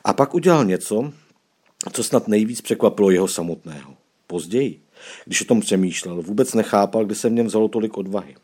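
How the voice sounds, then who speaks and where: A man reads a children's chapter book aloud in a low, husky voice. His storytelling is expressive, and he rises and falls with the action. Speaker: audiobook narrator. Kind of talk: scripted audiobook narration.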